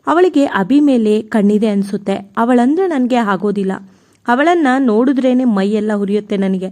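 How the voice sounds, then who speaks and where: A woman's voice: a little high, moderate pace, a little mellow, close to an everyday voice. A woman voicing a jealous young woman in a storybook tale, speaking bitterly. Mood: resentful. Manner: bitter, resentful.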